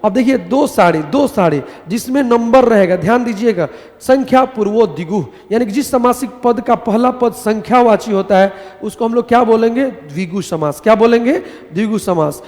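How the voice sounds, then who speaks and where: A man's voice: high-pitched, normal speed, hardly any pauses, in a large hall. A man teaching grammar in a live class, telling little stories and asking questions that he answers himself. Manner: animated storytelling, asks and answers his own questions.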